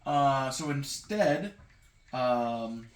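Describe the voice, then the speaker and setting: Recapping a tabletop roleplaying game for his fellow players, a man speaks at a medium pitch with lively intonation and drawn-out words. He hesitates casually and drops into bits of performed dialogue, in an echoey space with background noise and clicking.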